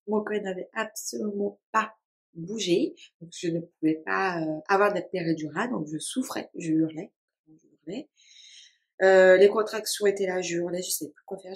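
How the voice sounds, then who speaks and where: A woman in her twenties recounting a personal story, speaking haltingly with many fillers and restarts. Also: mid-range voice. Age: 20s. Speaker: vlogger. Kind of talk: casual storytelling to camera.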